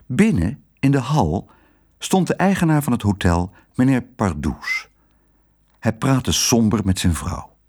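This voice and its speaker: A man narrating a storybook aloud with a lively, expressive reading. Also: medium pitch, unhurried, husky.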